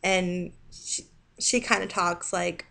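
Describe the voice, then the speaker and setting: A woman with a Southern American accent, talking casually in a video response, with many pauses and restarts. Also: fairly low pitch, steady tone, vocal fry, pushed and bright. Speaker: video blogger.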